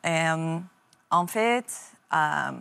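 A young woman from Iran, a talk show guest speaking halting French and searching for her words. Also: low-pitched, animated, vocal fry, a bit bright, clear, resonant tone.

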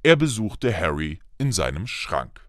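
A man narrating a children's fantasy audiobook in a slow, expressive storytelling manner. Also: low-pitched, no room sound, studio quality.

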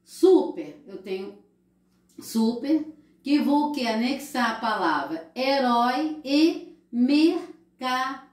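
Brazilian woman primary teacher, middle-aged, slightly high voice, very slow and patient delivery, echoey room. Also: expressive, a little mellow. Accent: Brazilian Portuguese. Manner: slow, patient, drawn-out explaining to children. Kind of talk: recorded remote class lesson.

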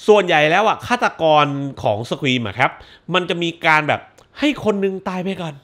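Male movie reviewer, high and very lively voice, casual and crude, acts out scenes with shouts. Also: brisk.

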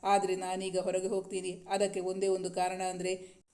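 ತಮಾಷೆಯ ಯುವ ಗಂಡ, ಮಹಿಳೆ ಮಾಡುತ್ತಾಳೆ, ಮೆಲು ದನಿ, ಕಾಡಿಸುವ ಧಾಟಿ, ಕಥಾ ಓದು. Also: female voice, on the low side, monotone, moderate pace, natural voice. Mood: teasing. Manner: teasing, soft-spoken. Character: teasing playful young husband.

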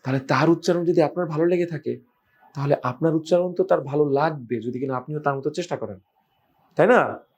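A man teaching English pronunciation, stretching out each sound slowly and repeating it. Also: on the high side, breathy edge. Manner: slow, drawn-out sounds demonstrated and repeated. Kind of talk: phonetics lesson.

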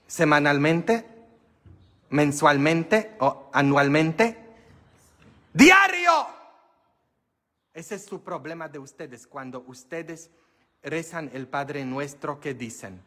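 A man's voice: mid-range voice, a bit bright. A priest whose first language is not Spanish, giving a humorous sermon and quizzing his congregation. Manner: joking, questioning the congregation. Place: church, live-streamed Mass. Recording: long church reverb.

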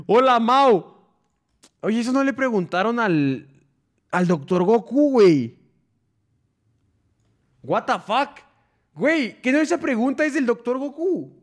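High-voiced Mexican streamer chatting casually. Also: male voice, slow pace, pauses often. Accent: Mexican Spanish. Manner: slangy, swears freely, laughs often, reads stories in a lower flat voice. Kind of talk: casual livestream chat, reading viewer stories.

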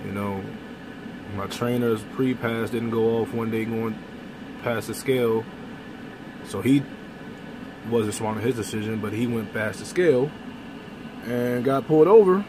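Sitting in his truck cab, a young male trucker vlogs in a blunt, animated monologue with mild swearing, shot close up on a phone camera. His mid-range voice is a little slow with long pauses, and road noise, vehicle hum, and air conditioning fill the background.

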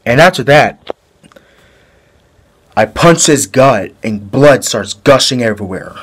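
A man playing a male killer who confesses a brutal fight in a halting, rambling way, in an amateur home-video drama. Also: medium pitch, expressive, a bit bright, slightly rough, full character voice. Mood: flat confessing. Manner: halting, rambling storytelling with restarts.

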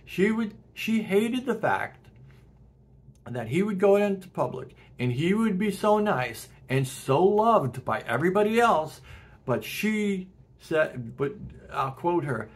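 A middle-aged self-help video host talks casually and earnestly to camera from a home room with a porch window and plants, laughing briefly between points. His voice sits high and sing-song, slow-paced with a breathy edge.

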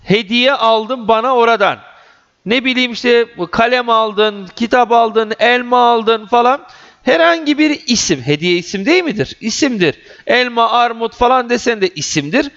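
A man's voice: very high-pitched, lively intonation, moderate pace, a bit bright. A man teaching a grammar lesson for exam preparation, emphatic and repeating key points to his students. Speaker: Turkish teacher. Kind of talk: exam prep grammar lecture. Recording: dull lo-fi recording.

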